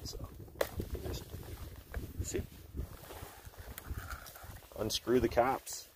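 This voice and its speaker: A man's voice: mid-range voice, drawn-out words. Laid-back guy showing how he does it outside in the snow, camera mic, noisy yard behind him. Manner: relaxed, folksy, thinks aloud with fillers. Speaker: channel host demonstrating chainsaw maintenance. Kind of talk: casual how-to demonstration. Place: outdoors in a snowy rural yard by a shed. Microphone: camera mic, he moves nearer and farther. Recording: outdoor camera audio with clear background noise.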